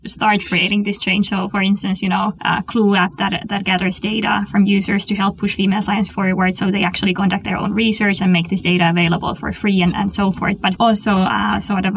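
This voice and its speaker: A woman's voice: mid-range voice, gravelly. A woman panelist on a call, earnest and repeating words as she thinks.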